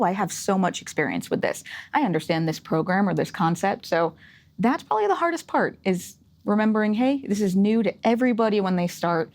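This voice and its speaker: A woman's voice: medium pitch, darkish tone. A woman in her thirties from Rhode Island, with no regional accent, chatting upbeat and encouraging as a guest on a workplace interview show. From Rhode Island, USA. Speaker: guest, associate data analyst. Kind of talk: casual interview chat.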